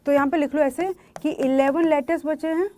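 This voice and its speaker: A woman's voice: sits high, fairly even intonation, normal speed, dark tone, slight background noise. A woman teaching a maths lesson online. She works through each step and keeps checking that students follow. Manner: explains step by step, mixes English terms, checks if students follow.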